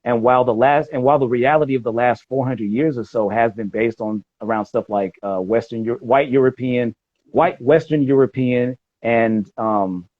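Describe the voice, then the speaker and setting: A man's voice: mid-range voice, moderate pace, dry recording. A man speaking in a casual conversation as a guest, discursive and arguing his point at length. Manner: discursive, argumentative. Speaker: podcast guest. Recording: dull dry audio.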